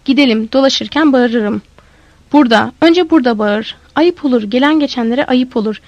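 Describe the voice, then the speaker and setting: A woman's voice: on the high side, normal speed, darkish tone, no room sound, highs cut off, lightly acted. A woman voicing a shy, reluctant boy vendor who talks hesitantly.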